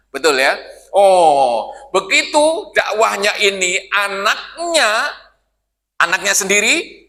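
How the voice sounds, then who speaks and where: An older man gives an evening sermon in a mosque hall, his voice fairly high, creaky, bright and forceful. He jokes, keeps things conversational, often asks listeners "Pak?", and chants scripture verses, all ringing with the hall's long reverb.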